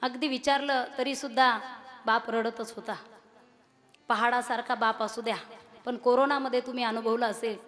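A woman preaching a devotional kirtan sermon, impassioned and rising into loud declaiming. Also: on the high side. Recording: long hall reverb.

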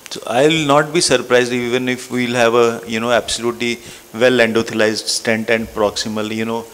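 A man's voice: medium pitch, level tone, fairly quick, a bit bright, poor audio. A man, speaking as a medical panelist in a technical discussion. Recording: faint background noise.

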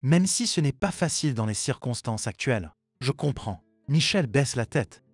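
A man narrating a scripted story in an even, steady reading voice at a middle pitch. The sound is dry and close. Faint music plays beneath the narration. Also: normal speed, slightly rough, no echo.

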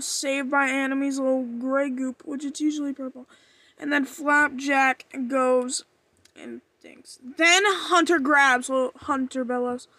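High-voiced excitable woman recapping. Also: no echo. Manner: rambling, excitable, full of fillers and restarts, bursts of loud cries. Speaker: fan recapping a cartoon episode. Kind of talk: casual episode recap.

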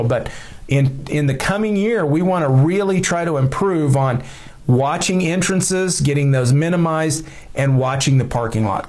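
A middle-aged man giving church security advice straight to camera in a small lamp-lit room, relaxed and plain-spoken, with frequent "you know" fillers. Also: fairly high pitch.

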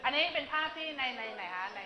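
A woman teaching a language class, running a quick vocabulary drill and prompting her students with short questions. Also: high-pitched, expressive, crowd noise. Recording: dull lo-fi classroom recording with students chattering.

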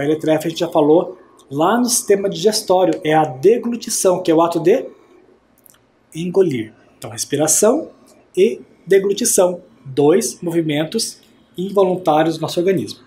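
Patient Brazilian male teacher, slightly high voice. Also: lively intonation, warm tone. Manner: patient, slow and clear, checks understanding often. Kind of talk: recorded class for adult learners.

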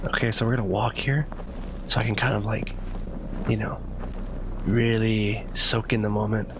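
A man's voice: fairly low pitch, little pitch movement, normal speed. A man in his thirties giving casual, nervous live commentary as a horror game streamer, swearing freely. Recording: clear game ambience noise behind voice.

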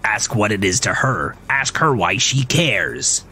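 A man's voice: on the low side, big pitch swings, measured pace, bright, forceful tone, breathy edge, exaggerated voice. A man voicing a gaunt, foul-mouthed imaginary male friend who is crude and irritable, in an audio drama. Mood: hissing.

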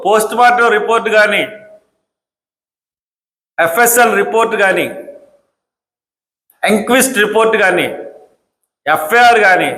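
Guy ranting about politics, sharp bright voice, lots of echo bouncing round. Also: sits high. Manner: combative, scolding, repetitive rhetorical questions. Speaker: political commentator. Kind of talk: angry political speech. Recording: echoey hall.

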